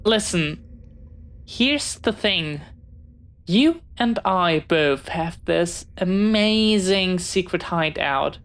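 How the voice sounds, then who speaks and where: Here the same woman acts out a pirate captain's bookish young child, her lowish voice animated and exaggerated yet never rushed. Curious and friendly, the character hopes for friendship and talks in polished, deliberate phrases that waver slightly, all in a one-sided roleplay.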